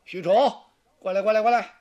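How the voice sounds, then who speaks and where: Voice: medium pitch, fairly even intonation, brisk, darkish tone, highs cut off, natural voice. A storyteller voicing a smug, arrogant middle-aged male strategist in a traditional tale, taunting. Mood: summoning. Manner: boastful, taunting.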